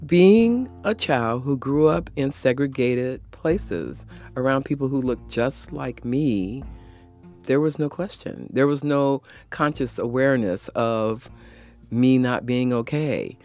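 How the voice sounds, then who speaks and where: A woman's voice: rumbling low, expressive, slow, a little mellow, soft background music. A woman from Kansas City, recalling her childhood in an earnest, frank way. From Kansas City, Missouri. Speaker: interviewee. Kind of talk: personal recollection.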